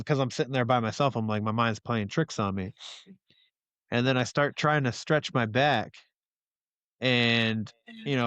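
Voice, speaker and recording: A man's voice: mid-range voice, a bit bright, clean tone, no echo. A man hosting a podcast, telling a long rambling story in casual chat with friends, swearing freely and leaning on fillers. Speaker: podcast host.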